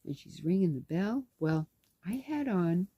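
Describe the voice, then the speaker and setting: Brief: chatty woman vlogger recounting her day, unhurried, with lively, swooping delivery. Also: on the low side, breathy edge, no room sound, highs cut off. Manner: chatty, animated, acts out dialogue. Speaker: knitting vlogger and caregiver. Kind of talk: casual storytelling.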